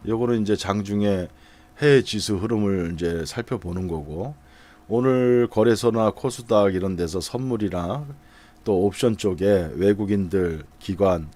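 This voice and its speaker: A man's voice: lowish voice, darkish tone. A middle-aged man, chatting through stock charts to his viewers, thinking aloud with fillers. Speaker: stock market commentator. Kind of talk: casual market commentary over charts.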